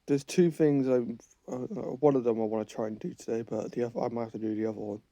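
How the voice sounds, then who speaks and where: In a muffled recording with no echo, a gaming channel host with a cold and a fading voice rambles quickly over his gameplay, thinking aloud and correcting himself. His mid-range voice is mellow, with fairly even intonation.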